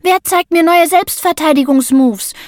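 A woman voicing an exuberant, cuddle-loving young boy who talks in squeaky, gushing, drawn-out words. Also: no room sound, clean studio sound.

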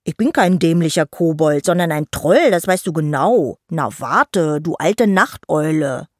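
Woman playing a gruff young troll boy. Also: deep voice, sing-song, drawn-out words, dry recording, clean studio sound, full character voice. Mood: indignant.

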